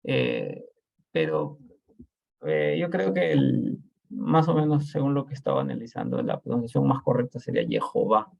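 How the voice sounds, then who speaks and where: A man's voice: mid-range voice, very animated, normal speed, vocal fry, lo-fi sound. A man teaching an online Bible class, who explains patiently and keeps checking in with his students.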